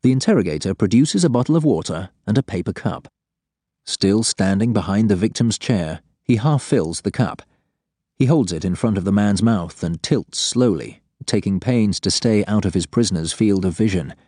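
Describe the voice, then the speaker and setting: Low, mellow male audiobook narrator. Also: animated, moderate pace, husky, dry recording, clean studio sound. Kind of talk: scripted fiction narration.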